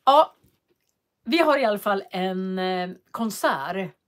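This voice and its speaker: A woman's voice: medium pitch, lively intonation. Chatty woman on a livestream. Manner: chatty, reads out viewer comments, frequent hesitations. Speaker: livestream host. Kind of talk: casual livestream chat. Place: cold home office.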